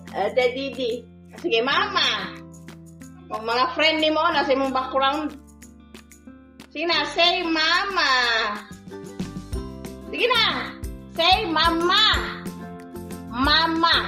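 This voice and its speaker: Vlogger: young Filipina mother, high bright voice, chatty with viewers, baby talk to her toddler, echoey room. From Philippines. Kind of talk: casual home vlog chat.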